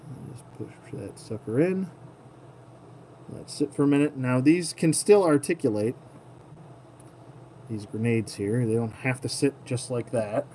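Speaking at a medium pitch with a dark tone, a toy collector moves unhurriedly and pauses often during his relaxed, hands-on tabletop tutorial indoors. He murmurs to himself as he works, against clearly noisy room sound.

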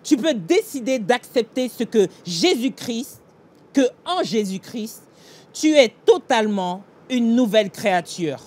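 Facing a fixed camera in mid-shot, a middle-aged pastor delivers an earnest meditation and prayer straight to the listener from a small indoor room, using emphatic gestures. His very high voice swings widely in pitch, runs a little slow, and has a darkish tone.

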